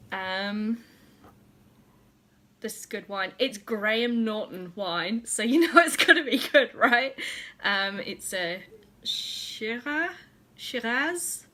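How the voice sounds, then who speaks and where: Giggly, bright-voiced New Zealand woman. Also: medium pitch, slow pace. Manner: giggly, tipsy and chatty with frequent laughs and swearing. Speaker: vlogger. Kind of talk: casual chat.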